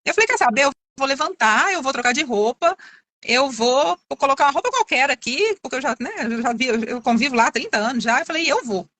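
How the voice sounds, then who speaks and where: A middle-aged woman tells a long story in a high, bright voice and talks quickly. She is chatty and keeps restarting her phrases. The sound is dry and close, as on a video call. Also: lively intonation, dry recording. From Minas Gerais, Brazil. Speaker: course student giving a testimonial. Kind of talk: casual testimonial on a live video call.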